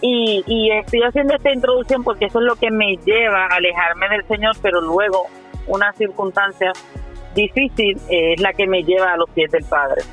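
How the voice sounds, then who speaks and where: A woman's voice: mid-range voice, moderate pace, a bit bright, soft background music, low-quality recording. A woman in her fifties with a Puerto Rican accent, telling her faith testimony earnestly, with frequent "eh" and "¿verdad?" asides. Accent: Puerto Rican Spanish. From Puerto Rico. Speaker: minister giving her testimony. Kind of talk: personal testimony on a radio show.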